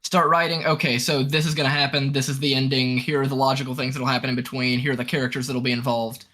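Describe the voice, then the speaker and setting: Bright, emphatic man giving advice. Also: mid-range voice, little pitch movement, fast. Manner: emphatic, instructive, blunt. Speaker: writing advice speaker. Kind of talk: casual explanatory talk.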